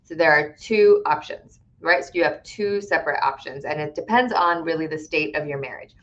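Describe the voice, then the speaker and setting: Speaking in a deep, slightly bright voice at a moderate pace, this Connecticut-based immigration attorney answers questions from her live-stream audience. Her explanations are conversational, sprinkled with fillers and repeated "right?" checks. The recording's high frequencies are cut off.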